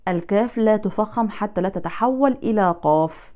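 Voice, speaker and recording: In this Quran recitation lesson, a woman calmly walks through the pronunciation of each letter, setting correct forms against incorrect ones. Her medium-pitched voice is expressive and warm.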